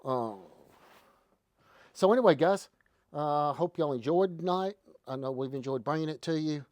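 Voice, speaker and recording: A man's voice: on the high side, normal speed, no echo. Folksy man, dry sound. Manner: folksy, relaxed, drawling. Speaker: show host. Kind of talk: casual livestream chat.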